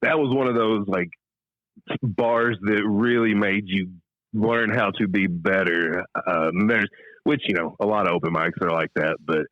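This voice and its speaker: A man's voice: fairly low pitch, a little slow, dry recording, muffled recording. A middle-aged American man, a stand-up comedian telling anecdotes casually as an interview guest and acting out quoted lines. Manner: animated storyteller, acts out quoted lines.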